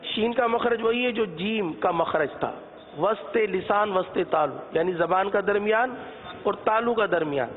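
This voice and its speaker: A man teaching a religious lesson on how to pronounce letters, explaining patiently and drawing out each sound slowly. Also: high voice, big-room sound, phone-quality sound, slight background noise. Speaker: Quran recitation teacher.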